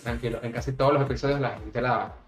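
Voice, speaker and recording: A Venezuelan man hosts a podcast from his home, firing off teasing questions at a rapid clip. The room rings with echo around his voice. A faint bed of music sits underneath. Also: medium pitch, steady tone. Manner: fast, joking, teasing questions. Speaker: podcast host. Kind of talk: casual podcast chat. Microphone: studio microphone on table.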